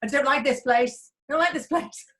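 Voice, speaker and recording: A woman from North Wales, a guest entrepreneur in casual chat, eagerly pitching ideas and ending points with tag questions. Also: a little fast, fairly bright tone.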